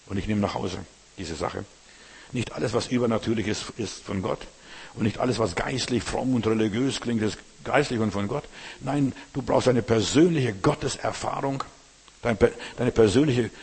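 Husky-voiced male pastor preaching. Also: medium pitch, a little mellow. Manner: colloquial, addresses listener directly with "weißt du". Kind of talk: sermon. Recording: long hall reverb.

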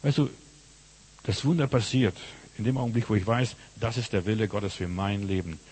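A man's voice: on the low side, moderate pace, breathy edge. A man preaching a sermon, telling stories with emphatic, repeated phrases. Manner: voices characters loudly in stories. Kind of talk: sermon with storytelling.

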